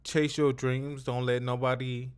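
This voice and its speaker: In a casual interview, the male host talks in emphatic, repetitive street slang loaded with profanity. His voice sits at a medium pitch with a level tone, and it comes out unhurried, clear and resonant.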